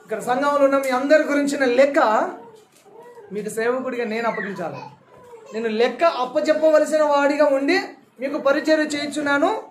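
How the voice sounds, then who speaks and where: A man with a strikingly high voice delivers a sermon as pastor, reading scripture aloud and driving his points home by repeating them. He asks his congregation direct questions as he goes. The recording is roomy and echoey, with a faint hum of room noise behind him. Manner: repeats key phrases for emphasis. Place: church hall.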